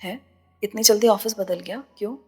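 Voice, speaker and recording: A woman voicing a gentle, caring elderly mother in an audio novel. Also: mid-range voice, steady tone, husky, in a large hall, soft background music, lightly acted.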